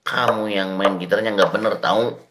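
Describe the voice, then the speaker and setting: A woman with a Sundanese accent voicing a bumbling male village night watchman in a motion comic, bickering and firing off quick comic retorts. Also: very deep voice, fairly even intonation, a little hiss or hum. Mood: grumbling. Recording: roomy echo, loud guitar.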